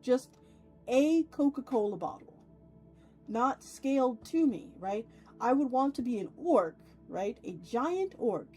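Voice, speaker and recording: A woman's voice: a little high, very animated, takes it slowly, warm tone, soft background music. A woman hosting a casual livestream, chatting with viewers in an effusive, playful way with theatrical turns of phrase. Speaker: VTuber livestream host.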